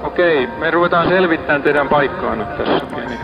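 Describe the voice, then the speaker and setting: A man answering a distress call over marine radio, calm and businesslike. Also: a little high, quick pace, vocal fry, over music. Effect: marine radio transmission. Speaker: radio operator of a rescuing ship. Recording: muffled archival marine radio recording.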